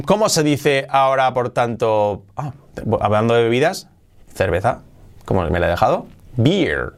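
A man's voice: on the low side, gravelly. A man with a Spain Spanish accent giving a casual English lesson, repeating each word and switching between Spanish and English. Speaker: English teacher.

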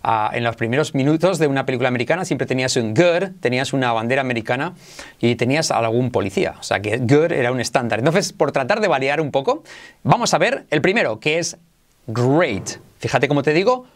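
A man from Spain with a Spain Spanish accent runs an online English lesson, his voice rising and falling in lively swings. He is enthusiastic, calls himself exaggerated, and drills each word slowly so the listener can repeat it. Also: medium pitch. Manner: enthusiastic, self-described exaggerated, drills words slowly for repetition. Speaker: English teacher.

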